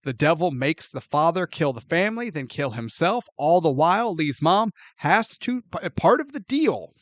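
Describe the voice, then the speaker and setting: A man co-hosting a movie podcast, retelling a plot with mounting disbelief and plenty of swearing. His voice sits fairly high. The sound is dry and close, with no room around it. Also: normal speed, dry recording. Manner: animated, profane, incredulous plot recap. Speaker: podcast co-host. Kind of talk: casual movie review chat.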